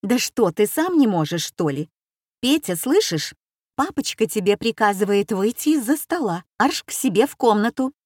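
A woman voicing a bustling mother who scolds briskly at the dinner table. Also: mid-range voice, sing-song, darkish tone, dry recording, clean studio sound, voice pushed up. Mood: scolding.

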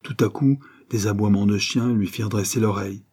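A man reading an adventure novel aloud as an audiobook, steady storytelling that lifts his voice for the characters' lines. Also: on the low side, brisk, slightly rough. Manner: steady storytelling with lifted voice in dialogue. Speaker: audiobook reader. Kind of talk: audiobook narration.

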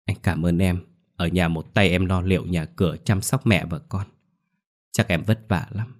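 A man's voice: low-pitched, fairly even intonation, normal speed, close to an everyday voice. A man doing a subdued grieving young husband. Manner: earnest, subdued.

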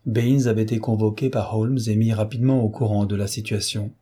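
A man narrating a story as an audiobook reader, with steady, measured storytelling. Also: on the low side, slightly rough. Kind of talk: scripted narration.

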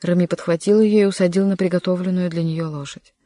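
An audiobook narrator reading a historical adventure novel in an even, measured way. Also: mid-range voice, dry recording, clean studio sound. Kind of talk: scripted narration.

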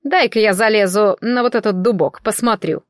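A woman's voice: medium pitch, moderate pace, no room sound, lightly acted. Blunt grumbly orc warrior girl, a woman reading her, dry close sound. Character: tough agile female orc warrior.

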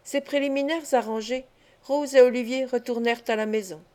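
A woman narrating a classic novel as an audiobook, in a measured, expressive reading. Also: fairly high pitch. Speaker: audiobook reader.

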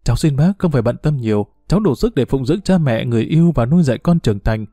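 A man's voice: medium pitch, animated, rapid-fire, dark tone, no echo, close to an everyday voice. A man voicing a kind, forgiving young woman who talks politely and earnestly to an older man.

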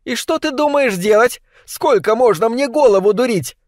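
A man's voice: very high-pitched, lively intonation, normal speed, darkish tone, dry recording, studio quality, voice pushed up. A man reading an audiobook voices a scornful, nagging young wife in her late twenties, mocking and accusing.

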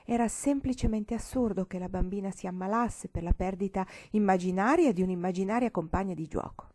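A woman's voice: mid-range voice, fairly quick, dark tone. A woman reading a storybook aloud expressively, sometimes dropping to a whisper. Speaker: audiobook reader.

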